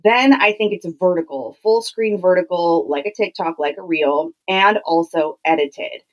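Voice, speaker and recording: Female podcast host, lowish voice, emphatic and conversational, explaining things directly to listeners. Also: normal speed, rough recording. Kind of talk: solo podcast teaching, conversational. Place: home clothes closet used as podcast booth.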